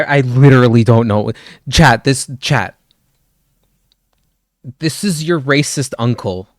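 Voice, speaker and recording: A man's voice: medium pitch, no echo, studio quality. A man live-streaming, riffing jokes and swearing while he talks to his chat. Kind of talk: casual reaction chat.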